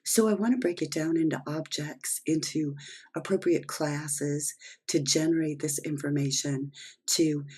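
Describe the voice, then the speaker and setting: A programming instructor, hoarse and losing their voice, explaining step by step while working through a screen-recorded coding lesson. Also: mid-range voice, fairly even intonation, a little slow, a little mellow.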